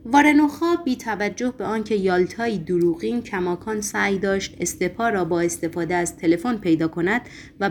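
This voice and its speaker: A woman's voice: medium pitch, a little hiss or hum. A woman narrating a novel as an audiobook reader, lifting her voice for quoted lines.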